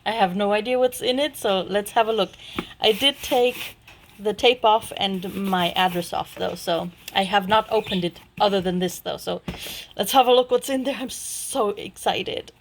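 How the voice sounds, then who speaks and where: A woman in a casual unboxing vlog, excited and gasping with delight, sometimes dropping to a hushed whisper. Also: mid-range voice, moderate pace, a little hiss or hum, poor audio. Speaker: vlogger unboxing a package.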